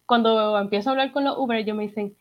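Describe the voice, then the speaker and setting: A woman's voice: fairly high pitch, fast talker, muffled recording. Chatty Puerto Rican woman telling stories. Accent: Puerto Rican Spanish, slightly neutralized. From Puerto Rico. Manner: chatty, animated storyteller who acts out dialogue. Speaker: interview guest. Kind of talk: casual conversational interview.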